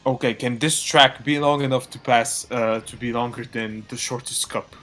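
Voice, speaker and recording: A man's voice: medium pitch, fairly even intonation, normal speed, a bit bright, faint music behind. A man hosting a game live stream in casual chat, rambling with a slurred-sounding delivery while hiccuping.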